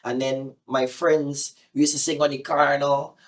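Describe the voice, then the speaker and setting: A middle-aged man with a Guyanese accent, a singer talking about his life in a relaxed, rambling way, full of fillers and restarts. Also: on the high side, normal speed. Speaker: singer being interviewed. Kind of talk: casual interview storytelling.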